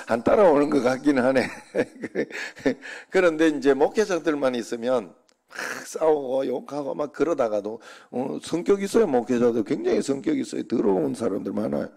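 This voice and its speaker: A man's voice: medium pitch, expressive, moderate pace, vocal fry, darkish tone. A middle-aged male pastor telling rambling, joking stories to his congregation in an informal sermon. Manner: chatty, joking, rambling anecdotes.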